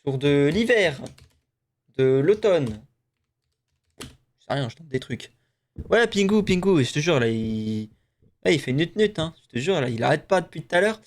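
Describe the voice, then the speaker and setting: A young man with a slightly high voice hosts a live stream in a loose, rambling way. He grew up in the French Basque Country, jokes with his co-host and swears freely while guessing words. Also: expressive, a little slow, long pauses. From Basque Country, France. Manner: chatty, swears, talks to co-host while playing. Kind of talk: casual live-stream chat.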